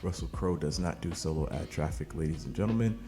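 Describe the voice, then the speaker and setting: Man, low voice, online marketing host, salesy hype, late-night tired, faint background music. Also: a little fast, mellow. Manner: hyped, salesy, addresses viewers as "baby" and "man". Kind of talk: casual promotional talk to camera.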